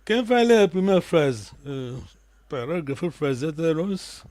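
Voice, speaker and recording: A man whose first language is Kikongo teaches an online class. He explains each word patiently in a fairly high voice and keeps checking that the students follow. The sound is dry and close. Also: big pitch swings, measured pace, darkish tone, no echo.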